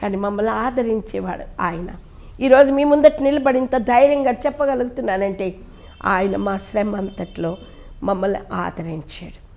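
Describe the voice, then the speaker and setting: A woman pastor with a Telugu accent preaches in a fairly high voice. She surges into loud, ringing lines, then drops to a hush to plead with her listeners. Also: creaky. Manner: fervent preaching with sudden loud rises and hushed drops; repeats pleading prayer lines ending in "ayya". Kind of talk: sermon.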